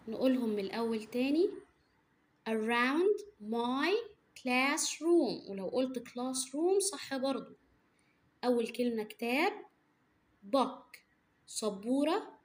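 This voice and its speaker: A young woman teacher with an Egyptian Arabic accent talks through a lesson in a high voice. She goes slowly and patiently, saying each word several times for the class to repeat. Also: fairly bright tone. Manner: repeats words slowly for drilling. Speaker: English teacher. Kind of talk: slow explanatory lesson.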